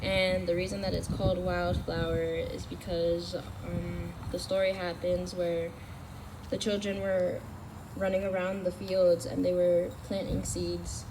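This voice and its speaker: A woman's voice: fairly low pitch, flat delivery, measured pace. A woman earnestly telling the story behind a song at an outdoor event, with some fillers. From Canada. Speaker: singer explaining a song. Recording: loud traffic noise outdoors.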